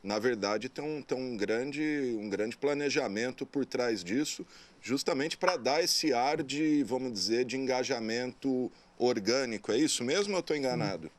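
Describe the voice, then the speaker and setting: A man with a Brazilian accent from the São Paulo interior asks a guest questions in a TV interview. His voice sits at a medium pitch, and he speaks conversationally, restarting his phrases as he looks for the right words. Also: normal speed. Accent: São Paulo interior Brazilian Portuguese.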